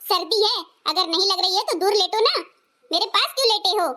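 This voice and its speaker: High-voiced, whiny young wife. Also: female voice, lively intonation, fairly quick, pushed and bright. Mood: complaining. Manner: whiny, complaining. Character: lazy, complaining young daughter-in-law. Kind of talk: comedy skit acting.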